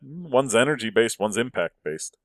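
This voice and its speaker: A man's voice: mid-range voice, animated, moderate pace, no room sound. A man hosting a casual podcast chat, earnest and building his arguments with frequent restarts. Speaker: podcast host.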